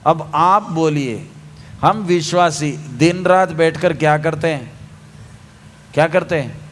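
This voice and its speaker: A male preacher with a voice on the high side speaks slowly in a sermon, firing questions at the congregation, waiting for their answers, and repeating key phrases for emphasis. There is slight background noise.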